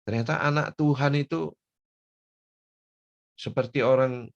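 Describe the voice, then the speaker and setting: An older man from North Sumatra preaching a folksy sermon, dropping to soft murmurs and then rising into loud, emphatic bursts. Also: medium pitch, steady tone, a little slow, muffled recording. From Pematangsiantar, North Sumatra.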